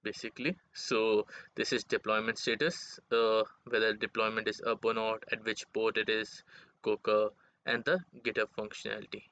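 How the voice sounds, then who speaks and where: A man presenting a software demo as its developer, in halting, non-native English phrasing, on a dull, lo-fi microphone. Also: fairly low pitch, little pitch movement.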